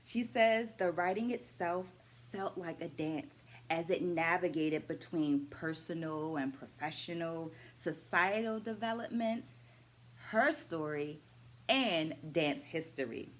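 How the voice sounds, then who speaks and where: Speaking at a fairly low pitch, a middle-aged woman who teaches dance walks through what she learned from a book. The vlog is measured, her points come stacked in lists, and she poses questions to viewers and asks them to comment.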